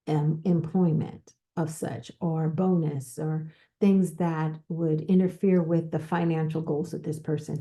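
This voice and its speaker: A woman hosting a podcast, giving advice in an unscripted talk, speaking slowly with pauses and repeated words. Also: deep voice, dark tone. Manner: slow, repetitive, with pauses and restarts. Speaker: podcast host.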